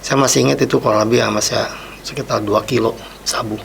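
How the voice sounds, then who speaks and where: A man's voice: mid-range voice, steady tone, fast, vocal fry, a bit bright, slight background noise. A man telling his personal testimony as a podcast guest, reflective and replaying his own past words.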